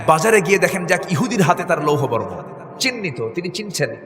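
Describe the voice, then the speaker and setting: A man's voice: high-pitched, very animated, brisk, fairly bright tone. A man with a Bangladeshi Bengali accent preaching a waz sermon, telling a story and throwing rhetorical questions at the audience, sometimes chanting Arabic melodically. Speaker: Islamic preacher. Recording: echoey hall with faint music.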